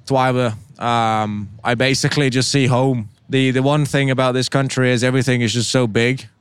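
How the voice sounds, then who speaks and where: A young man from Denmark, a racing driver, answering interview questions in a halting way with many repeated words and ums; his first language is Danish. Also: medium pitch, fairly even intonation, clear, resonant tone, dry recording.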